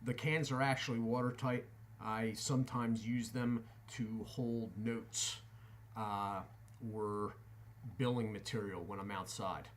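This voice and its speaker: A man giving a casual product review in deliberate, halting short phrases, talking with tobacco pouches tucked in his lip. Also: lowish voice, fairly even intonation, a little hiss or hum.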